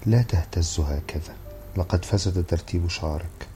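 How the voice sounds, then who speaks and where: A man's voice: deep voice, normal speed, warm tone, faint music behind, close to an everyday voice. A man reading the part of a fussy, exasperated husband who scolds and brushes things off. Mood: scolding. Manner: scolding, dismissive.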